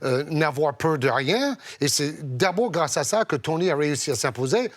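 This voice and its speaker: A man's voice: fairly high pitch, lively intonation, no room sound. Hesitant male basketball commentator. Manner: measured, hesitant with many fillers. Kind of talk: talk show guest recollection.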